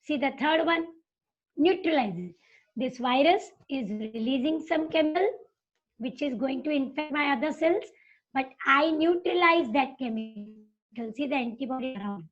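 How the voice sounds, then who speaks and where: A woman teacher with an Indian accent giving an online biology lecture, explaining step by step in Hindi and English and checking that students follow. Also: high voice. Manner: explains slowly, switching between Hindi and English, checking understanding. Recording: dull lo-fi online class audio.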